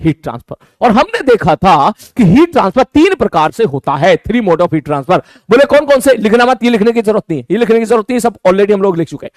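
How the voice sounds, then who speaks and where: High-voiced male physics teacher, chatty. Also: very animated, fast talker, few pauses, no room sound. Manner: chatty, joking, addresses students as brother and child; repeats key phrases, asks and answers his own questions. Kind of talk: casual online class lecture.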